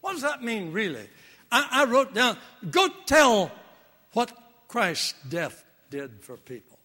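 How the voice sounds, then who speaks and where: A man's voice: sits high, very animated, unhurried, bright, forceful tone. An older man preaching a fervent sermon, repeating phrases for emphasis, in a hall with long reverb.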